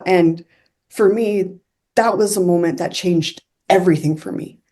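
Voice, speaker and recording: Chatty woman with a low, mellow voice. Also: unhurried. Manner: chatty, many fillers like "like" and "I'm like"; earnest, confiding. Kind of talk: casual personal storytelling.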